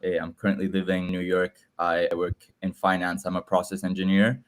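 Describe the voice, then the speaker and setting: A young man from Guatemala, a guest explaining his app in casual chat, with frequent halting repeats. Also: low-pitched, little pitch movement. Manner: halting, repeats words as he talks. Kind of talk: casual video call chat. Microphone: video call.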